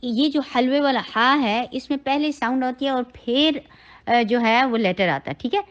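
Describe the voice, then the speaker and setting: A woman teaching tajweed, reciting words slowly and drawn out, then briskly explaining how to shape each sound with the lips and throat. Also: high-pitched, lo-fi sound. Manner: instructive, gives step-by-step mouth and throat directions.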